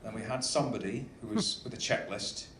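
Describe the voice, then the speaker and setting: Into a stage mic in a big indoor venue aboard a ship, a man plays a cheerful cruise director, joking his way through a welcome to the crowd. He speaks a little quickly in a fairly low but fairly bright voice, with roomy echo and faint noise in the background.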